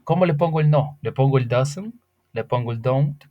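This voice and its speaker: A man whose first language is Spanish leads an English grammar lesson at a mid-range pitch. He takes each point step by step and patiently asks the class questions he then answers himself. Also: normal speed, lo-fi sound. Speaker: English teacher.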